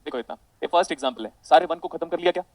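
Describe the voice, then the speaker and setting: Guy teaching physics online super fast, animated, kinda high voice, dry room. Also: no echo, low-quality recording. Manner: rapid, animated, addresses students as beta. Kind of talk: online lecture with digressions.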